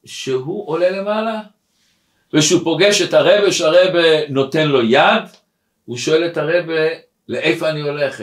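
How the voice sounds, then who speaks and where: A rabbi with a high voice gives a weekly Torah lesson, telling a story with lively, swooping pitch. He acts out each person as he goes. The voice rings in a roomy, echoing hall. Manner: animated storyteller who acts out the people in his story.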